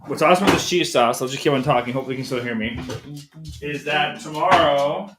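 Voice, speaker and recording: A man's voice: on the high side, fast talker. A man hosting a live cooking stream from his home kitchen, talking casually and rambling as he works. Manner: chatty, rambling, self-correcting. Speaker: cooking show host. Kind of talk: casual live cook-along chat. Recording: echoey kitchen with noisy background.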